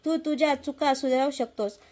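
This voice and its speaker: A woman voicing a gentle ghostly young woman who comforts a despairing man in a storybook tale. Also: high voice, moderate pace, lightly acted. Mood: reassuring. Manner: gentle, reassuring.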